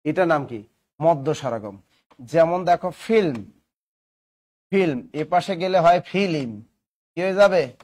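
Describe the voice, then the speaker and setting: A man's voice: fairly high pitch, expressive, a little slow, pauses often, darkish tone. A man teaching grammar in a classroom lesson, asking questions and answering them himself with playful examples. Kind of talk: classroom lesson with call-and-response.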